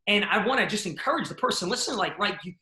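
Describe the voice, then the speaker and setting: A man's voice: sits high, animated, very fast, sharp tone, echoey room. A man hosting a podcast interview, giving earnest motivational commentary with emphatic lists. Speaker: podcast host.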